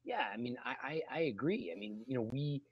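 A man's voice: medium pitch, lively intonation, a little fast, muffled recording, noisy background. A man co-hosting a casual beer show, rambling with lots of fillers and restarts. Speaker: podcast co-host. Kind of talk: casual chat.

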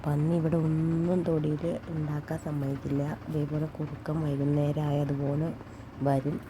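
A woman's voice: low-pitched, little pitch movement, moderate pace. A woman outdoors in a village, explaining things in a chatty, matter-of-fact way. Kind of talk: casual explanation to camera. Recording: outdoor recording with clear background noise.

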